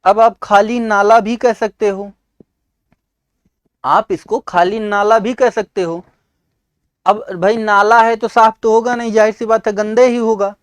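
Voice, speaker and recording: A man with a North Indian accent teaching an exam-prep English lesson. He mixes English terms into his explanation, answers his own questions and often clears his throat. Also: high voice, steady tone, unhurried, pauses often, no echo, studio quality.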